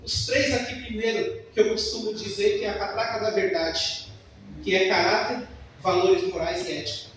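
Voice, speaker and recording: Man preaching, emphatic sermon, very high voice, faint background noise. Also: fairly even intonation, moderate pace, a bit bright. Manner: emphatic, storytelling. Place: church. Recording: echoey church hall from far off.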